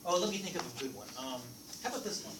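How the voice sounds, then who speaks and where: Racing through his math lecture, an instructor whose native language is French quizzes students in a lively, playful way, his pitch swinging widely. He sounds distant in an echoey room, with constant noise running underneath.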